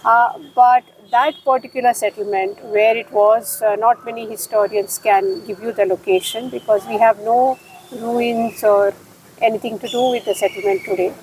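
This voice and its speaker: Middle-aged Indian woman, unhurried talk. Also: on the high side, fairly even intonation, a little mellow, slight background noise, rough recording. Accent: Indian English. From Bangalore, India. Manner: thoughtful, many fillers and pauses. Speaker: guest historian. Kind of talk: conversational interview.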